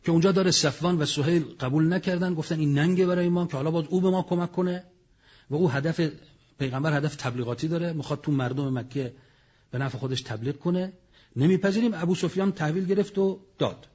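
Husky-voiced man preaching dramatically. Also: a little high, darkish tone, dull audio. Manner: dramatic storytelling with sudden raised outbursts. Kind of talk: religious lecture on early Islamic history.

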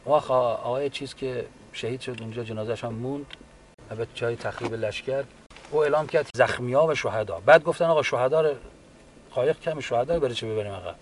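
A man, a wounded war veteran, giving a halting, unhurried personal account with frequent restarts. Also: medium pitch, slight background noise. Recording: distant mic with faint background ambience.

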